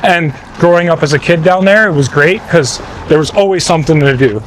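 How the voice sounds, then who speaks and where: A man's voice: fairly high pitch, fairly quick, a little hiss or hum, low-quality recording. A man, a guest telling stories in easy conversation while walking outdoors. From Toronto, Canada. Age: 30s. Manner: easygoing, relaxed, with frequent "uh" and "like". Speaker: podcast guest. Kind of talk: casual conversational storytelling. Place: outdoors on a country road.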